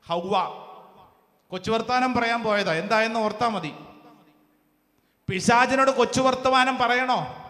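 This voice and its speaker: High-voiced priest preaching in an echoey hall. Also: male voice, bright, forceful tone. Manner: fervent, quizzes the congregation with rapid questions. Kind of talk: sermon with call-and-response. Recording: echoey church hall with long reverb.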